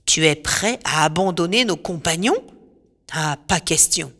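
A woman's voice: lowish voice, lively intonation, measured pace, a bit bright, heavily acted. A woman voicing a determined male hero captain who speaks firmly and with resolve, in a reverberant storybook recording with faint music behind. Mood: resolute. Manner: firm and resolute.

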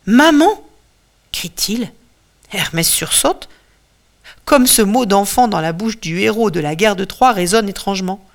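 Expressive woman reading a storybook. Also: mid-range voice. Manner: expressive, dramatic. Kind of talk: scripted storybook narration.

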